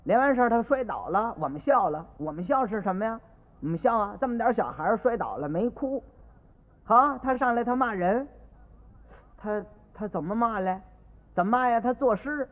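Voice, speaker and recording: A man voicing indignant, bossy household stewards who talk loud and fast, heard on an old radio recording with long reverb. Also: high-pitched, animated, narrow, tinny audio.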